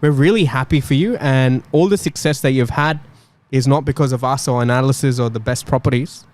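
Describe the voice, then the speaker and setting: A man's voice: medium pitch, fairly quick, a little mellow. Chatty man hosting a panel. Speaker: podcast host. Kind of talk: casual panel chat.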